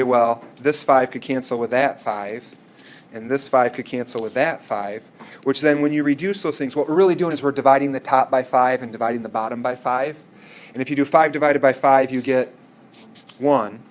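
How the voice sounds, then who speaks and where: A man's voice: mid-range voice, slight background noise. Patient man teaching a math class. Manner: patient, checks in with students often. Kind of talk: classroom lecture.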